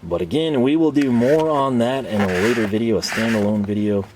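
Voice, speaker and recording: Against a noisy background, a brisk man with a medium-pitched voice hosts a loose, unscripted tool review. He rambles, chats and jokes at his own expense, though his tired voice is beginning to give out.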